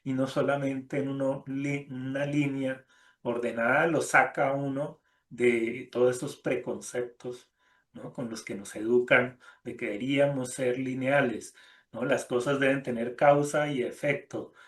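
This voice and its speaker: A man's voice: medium pitch, unhurried. Thoughtful man guest, medium voice, reflective talk, roomy echo. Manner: calm, thoughtful, fills with "¿no?". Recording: echoey room.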